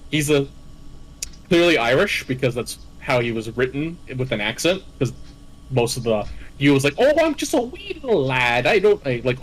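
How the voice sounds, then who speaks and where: A man's voice: mid-range voice, fairly bright tone, low-quality recording. A man hosting a video, recapping a game in casual chat, rambling and laughing as he corrects himself. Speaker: host recapping game villains.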